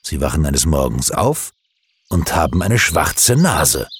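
A man's voice: very deep voice, sing-song, measured pace, a little hiss or hum, heavily acted. A man voicing a stern father who lectures his son with pointed questions in a storybook reading. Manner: reproachful, questioning.

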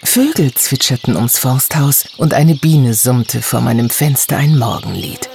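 A man's voice: measured pace, vocal fry, slight background noise. Man reading a children's story expressively. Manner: expressive storytelling with lively pitch. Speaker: narrator. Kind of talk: children's audiobook narration.

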